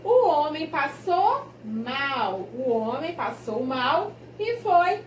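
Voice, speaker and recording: Slow, very high-pitched Brazilian teacher. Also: female voice, big pitch swings, distant mic, a little hiss or hum. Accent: Brazilian Portuguese. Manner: slow, sing-song teacher talk to young children. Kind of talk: remote class lesson reading a textbook. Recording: echoey room, voice off-mic.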